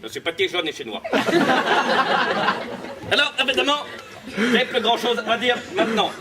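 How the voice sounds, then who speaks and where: A young man putting on a shouting, bombastic voice to play a mock dictator in a comedy debate speech. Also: extremely high pitch, expressive, takes it slowly, over a noisy crowd, heavily acted. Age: young adult. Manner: shouting, declamatory, mock-grandiloquent. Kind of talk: debate-contest speech with a put-on accent. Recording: noisy hall, mic far off.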